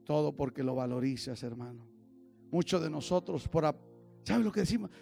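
A man preaching a fiery sermon as pastor, dropping to low murmurs and rising to shouted exhortation, often calling out "hermano". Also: expressive, moderate pace, creaky, faint music behind. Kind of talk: fiery Pentecostal-style sermon.

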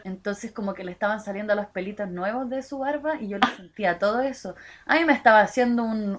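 A young Chilean woman telling crude, animated stories in a casual chat, acting out quotes in slang. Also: mid-range voice, background noise. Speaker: podcast co-host.

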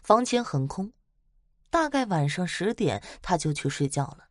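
A woman casually retelling spooky stories in a chatty, lively way, with dramatic swells. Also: lowish voice, moderate pace, no room sound, studio quality. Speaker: storyteller.

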